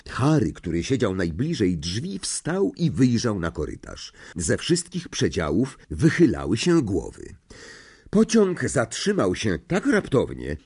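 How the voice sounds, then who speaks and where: A man narrating an audiobook in a slow, suspenseful, dramatic way. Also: on the low side, darkish tone, slightly rough.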